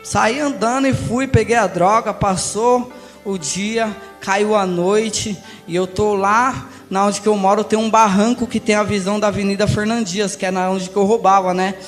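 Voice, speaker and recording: A young Brazilian man giving an emotional church testimony, passionate and swinging between hushed and loud. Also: high voice, fairly even intonation, normal speed. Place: large church hall. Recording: reverberant church hall with music.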